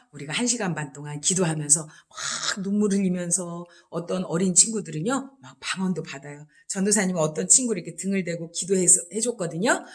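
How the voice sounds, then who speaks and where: A woman evangelist telling a Bible story to children in a lively way and often asking them questions. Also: medium pitch.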